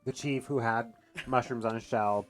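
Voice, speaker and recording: Man, player, animated, casual swearing, mid pitch. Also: moderate pace. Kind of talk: casual tabletop game chat.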